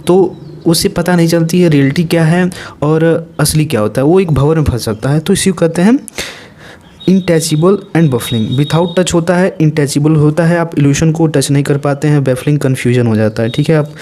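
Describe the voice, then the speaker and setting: A man giving a casual exam-prep vocabulary lesson, talking in a lively, playful way with chatty asides. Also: a little high, moderate pace. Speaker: vocabulary teacher.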